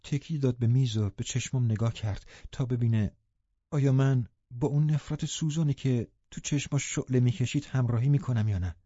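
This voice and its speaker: Male audiobook narrator, sombre, measured, dark voice, muffled dry recording. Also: mid-range voice, dry recording. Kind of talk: scripted narration.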